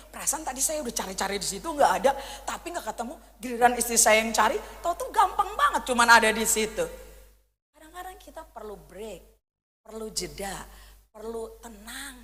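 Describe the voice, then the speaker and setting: A woman in her thirties preaching a sermon, telling a personal story in a lively way and acting out her own pleas. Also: fairly high pitch. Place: church hall. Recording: long church hall reverb.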